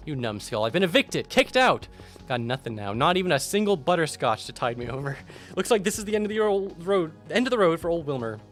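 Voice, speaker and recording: A man's voice: a little high, big pitch swings, fairly quick, hardly any pauses, faint music behind, pitched above the performer's own voice. A man voicing a bitter, self-pitying old man who scolds and calls names as he reads out game dialogue. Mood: bitter scolding. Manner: ranting, name-calling. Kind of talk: video game voice acting over gameplay.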